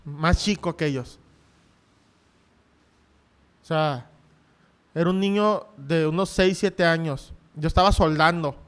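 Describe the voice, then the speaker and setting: A male pastor tells a personal story in his sermon, taking it slowly with long pauses. His voice is on the high side and clean-toned, and he acts out the voices of the people involved, building up to shouts.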